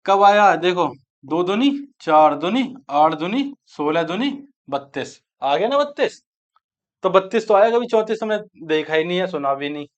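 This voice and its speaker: A man's voice: sits high, lively intonation, moderate pace. A man teaching a maths lesson for exam preparation. He asks his students questions, answers them himself, and repeats key steps aloud while he writes. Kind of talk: exam-prep maths lecture. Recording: dull lo-fi sound.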